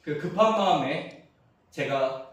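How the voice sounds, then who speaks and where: A middle-aged male pastor preaches in a church sanctuary, his fairly high voice rising and falling in lively swings. He jokes through a family story, dropping to hushed asides and then pushing out emphatic punchlines. The sound is heavily echoey and picked up from some distance. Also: slow pace. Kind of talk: sermon. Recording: roomy church echo, mic at a distance.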